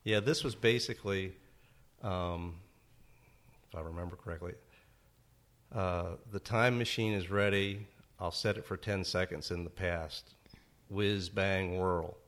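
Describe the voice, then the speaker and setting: A man in casual podcast chat, telling stories haltingly with many pauses and ums. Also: low-pitched, fairly even intonation, a bit bright. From Berlin, USA. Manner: halting, many ums, laughs at own jokes. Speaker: podcast guest, writer.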